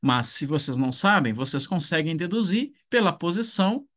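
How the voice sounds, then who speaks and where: A man teaching an online class, speaking slowly and thinking aloud, with frequent restarts and tag questions. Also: a little high, big pitch swings, bright, forceful tone. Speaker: ancient Greek teacher. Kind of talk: online lecture.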